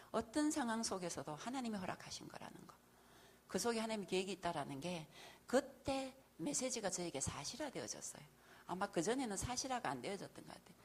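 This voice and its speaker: A middle-aged woman speaks at a church evangelism school, telling her testimony with energy. Her voice is a little husky, and her pitch swings widely as she acts out her own past prayers and talks, laughing often along the way. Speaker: church deaconess giving a testimony lecture.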